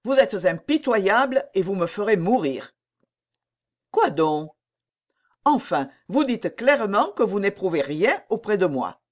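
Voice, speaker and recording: A woman's voice: mid-range voice, big pitch swings, a little slow. A woman reading a tormented young king. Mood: anguished. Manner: pleading, heated outbursts.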